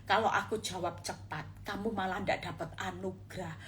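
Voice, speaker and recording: A woman voicing a gentle, fatherly God who soothes a struggling child in a calm, soft, lowered voice. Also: very fast, a little hiss or hum, natural voice. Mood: soothing.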